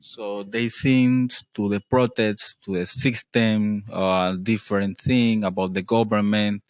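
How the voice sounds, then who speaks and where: A man with a Colombian accent, a native Spanish speaker, interpreting in simple English with halting non-native phrasing. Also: fairly low pitch, steady tone, no echo.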